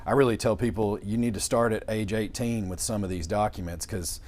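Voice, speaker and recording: This young man is an estate planning lawyer answering interview questions in plain, folksy language. His voice sits on the low side, with a steady tone, a brisk pace, and a slightly mellow quality.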